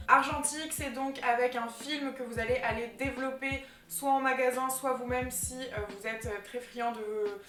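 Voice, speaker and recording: A woman's voice: high voice, a bit bright. A young woman vlogger chatting enthusiastically about gift ideas, with plenty of fillers. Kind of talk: casual vlog chat. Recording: echoey room with faint music.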